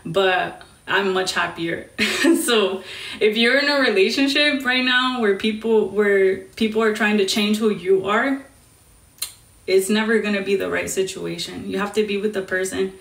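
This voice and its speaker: A woman's voice: mid-range voice, fairly even intonation, normal speed, creaky, a bit bright, far from the mic. Young woman on a live stream, flipping english and spanish, sounds a bit off-mic in an echoey room. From Indiana, US Midwest. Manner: switches between English and Spanish mid-sentence; chatty, answers viewer questions. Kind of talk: casual live-stream chat.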